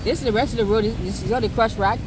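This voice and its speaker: A woman's voice: on the high side, rapid-fire. A middle-aged woman vlogging from a moving car, speaking like a preacher and calling for amens. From Liberia. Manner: call-and-response, asks for amens. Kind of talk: preachy road-trip vlog. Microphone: phone at arm's length. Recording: loud road noise.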